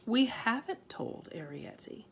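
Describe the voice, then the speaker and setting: A woman's voice: on the high side, very animated, measured pace, slight background noise. A woman reading aloud and voicing a tiny, anxious borrower housewife who frets, exclaims and pleads. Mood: fretful. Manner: fretful, exclaiming, tearful pleading. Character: tiny borrower housewife, middle-aged, anxious, easily alarmed.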